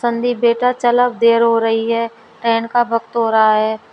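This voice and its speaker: Patient older father-in-law, read by a woman, high and flat, slow. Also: muffled recording, slight background noise, natural voice. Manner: calm, patient, gently commanding. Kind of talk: storybook dialogue reading.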